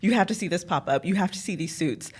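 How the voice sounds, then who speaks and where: Here the San Jose executive, an American woman being interviewed, speaks quickly and expressively in a fairly low, slightly mellow voice with a breathy edge. She recounts personal anecdotes in a relaxed way, performing snippets of dialogue.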